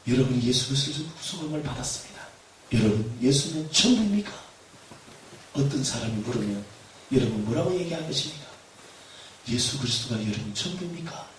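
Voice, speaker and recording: A man preaching a sermon as pastor, animated, shouting refrains and laughing as he tells stories. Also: mid-range voice. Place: church hall. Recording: echoey hall, far from mic, faint noise.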